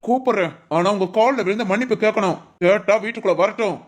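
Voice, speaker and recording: A stubborn grown son in a family cartoon, voiced by an actor. He answers curtly and defensively, at a fast clip. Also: mid-range voice, close to an everyday voice. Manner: curt, defensive. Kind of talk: cartoon voice acting.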